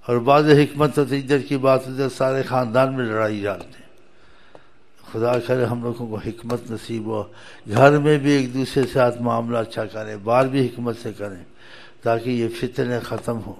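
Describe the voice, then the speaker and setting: A man's voice: mid-range voice, steady tone, gravelly. A man preaching a storytelling sermon in a folksy way, chuckling at times and rising to emphatic exhortation.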